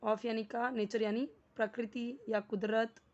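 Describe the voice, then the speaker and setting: A woman teaching English in Hindi, explaining sentences slowly word by word and mixing English words into her speech. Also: a little high, level tone, a little mellow, muffled recording. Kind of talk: spoken English lesson in Hindi.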